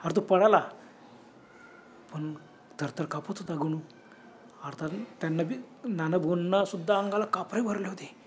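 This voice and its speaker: A man's voice: sits high, normal speed, pauses often, a little hiss or hum. A man narrating a horror story dramatically, dropping into whispers at the scary moments.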